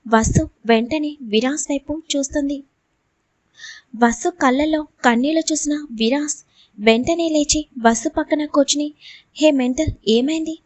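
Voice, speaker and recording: High-voiced woman storybook narrator, dry close sound. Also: moderate pace, no room sound. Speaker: audiobook narrator.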